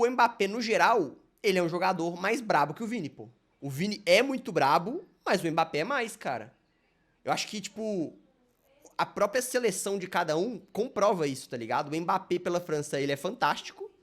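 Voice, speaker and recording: A Brazilian man with a bright, high-sitting voice reacts live to a video, chatting casually. His talk rambles and is heavy with slang, loaded with fillers like "mano" and "velho."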